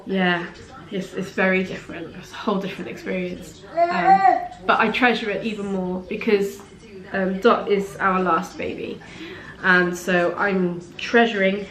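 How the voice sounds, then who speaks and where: Chatty mum in an echoey room. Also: female voice, medium pitch, a little slow, crowd noise. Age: late 30s. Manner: chatty and heartfelt, rambling asides. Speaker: parenting vlogger. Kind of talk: candid talk to camera. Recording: roomy echo in a home room.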